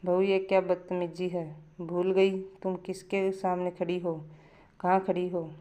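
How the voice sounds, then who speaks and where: A bossy middle-aged mother-in-law in a family storybook tale, scolding and hurling accusations, played by a woman narrator. Her voice sits low with a flat, dark tone. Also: measured pace, natural voice. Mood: furious.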